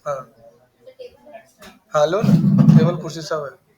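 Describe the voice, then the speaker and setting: A man from the teaches students in a small computer classroom. He is brisk and scolding. He drifts into chatty side remarks between his instructions. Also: fairly high pitch, steady tone, lo-fi sound, heavy background noise.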